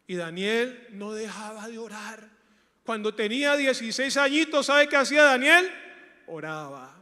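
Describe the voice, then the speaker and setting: A pastor preaching a sermon, swinging from hushed lines to loud rhetorical questions. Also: male voice, high voice. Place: large church hall. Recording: echoey church hall.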